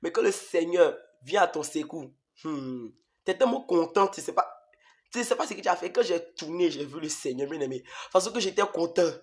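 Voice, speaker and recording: A man's voice: on the high side, lively intonation, normal speed. A man preaching an emotional testimony sermon, repeating phrases emphatically and addressing his listeners as beloved.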